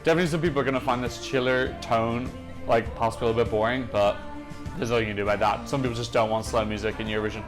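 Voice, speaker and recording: A man's voice: medium pitch, steady tone, racing. A young man hosting a music reaction channel, chatting enthusiastically and gushing in casual analysis. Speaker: Eurovision reaction channel host.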